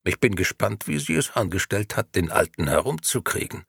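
A man voicing a cool, watchful grey gentleman in an audiobook, speaking with an ashen voice. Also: lowish voice, big pitch swings, moderate pace, creaky, slightly rough, no echo, studio quality, heavily acted.

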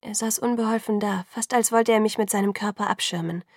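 A woman narrating an audiobook in the first person, measured and sometimes hushed. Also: mid-range voice, steady tone, no echo, studio quality.

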